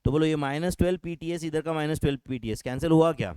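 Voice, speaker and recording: A man leads a classroom maths lecture, firing rhetorical questions at his students and slowing to dictate each term. His voice sits fairly high but sounds mellow and soft-edged. The recording is dry and close, with no room echo. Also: clean tone. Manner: slows right down to dictate English terms. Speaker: maths teacher.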